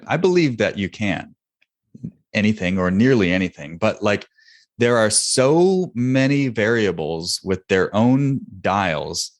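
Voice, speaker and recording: A man's voice: on the low side, no room sound, clean studio sound. A man telling his business story as a guest on a podcast, talking loosely with fillers. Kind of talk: casual interview.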